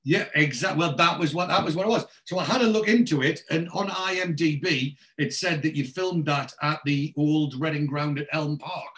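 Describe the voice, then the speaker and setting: With a fairly high, fairly bright voice, a Geordie podcast host in his forties from North East England speaks at normal speed with hardly any pauses. He's conducting a casual interview and rambles through many restarts and fillers.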